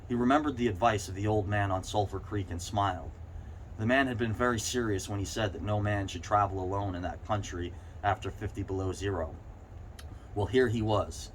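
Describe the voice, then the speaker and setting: A man reading a short story aloud, stumbling slightly over words now and then. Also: fairly low pitch. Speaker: reader. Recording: clearly noisy background ambience.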